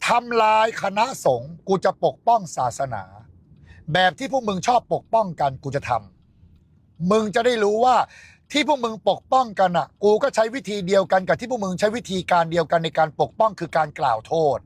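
A man's voice: high voice, lively intonation, normal speed, dry recording. A man on a livestream, ranting in a coarse, taunting and mocking way. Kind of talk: angry livestream rant.

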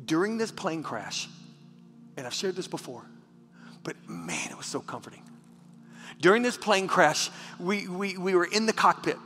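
A man preaching a passionate sermon as pastor, repeating words when moved and dropping to a hush for a personal story. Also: sits high, normal speed, long pauses. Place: church sanctuary. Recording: church hall with reverb and faint music.

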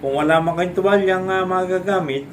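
A man from the Philippines, a stroke survivor, casually demonstrating home exercises with halting speech, frequent fillers and restarts, and often laughing as he explains. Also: sits high, noisy background. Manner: polite, addresses viewers respectfully. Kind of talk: casual instructional vlog.

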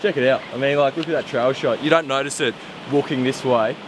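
A man's voice: medium pitch, brisk. A young man from Tasmania talking casually to his camera at arm's length while hiking outdoors, enthusiastic and rambling with ums. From Tasmania, Australia. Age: young adult. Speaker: vlogger. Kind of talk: casual vlog narration. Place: outdoors on a wet, windy mountain. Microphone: handheld camera held at arm's length. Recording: outdoor vlog with noticeable background noise.

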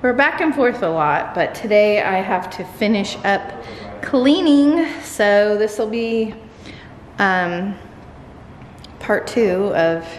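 A woman's voice: mid-range voice, lively intonation, takes it slowly. A woman in her thirties chatting matter-of-factly in a cleaning vlog, filmed on a handheld camera in the kitchen of an empty house. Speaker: vlogger. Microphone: handheld camera at arm's length. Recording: roomy echo in an empty house, music behind.

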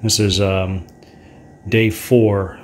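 A middle-aged sailing channel host talks extremely slowly in a lowish, level voice as he cuts and sews canvas indoors at home, in the kitchen and living room. He gives casual how-to narration, explaining each step and being plainspoken and frank about his troubles while doing the hands-on work.

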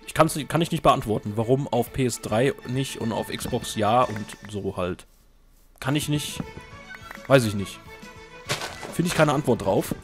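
A man's voice: medium pitch, measured pace, long pauses, music in the background. A young man casually chatting while playing and answering viewer questions, joking at his own expense. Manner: chatty, self-mocking, jokey. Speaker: let's play host. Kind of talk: casual gaming commentary.

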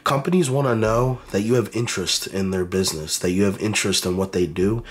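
A man's voice: lowish voice, brisk, husky. A man with a congested, nasal sound from a cold, giving casual, encouraging career advice straight to camera, with frequent ums and uhs.

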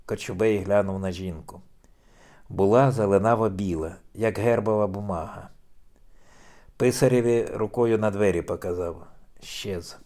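A man narrating an audiobook in a measured, dramatic way. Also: lowish voice, mellow.

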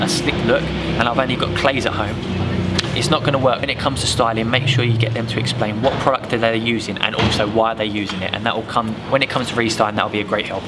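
A young man co-hosting a vlog, chatting brisk grooming advice to camera outdoors on a city street. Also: medium pitch. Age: young adult. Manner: brisk, chatty, addresses viewers as gents. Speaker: vlog co-host. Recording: loud street noise outdoors.

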